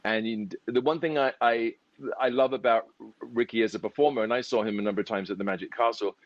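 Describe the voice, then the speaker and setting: Male host, casual rambling chat, mid-pitched voice, dead-dry recording. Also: quick pace, no room sound, highs cut off. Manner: rambling, repeats words. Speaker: podcast host.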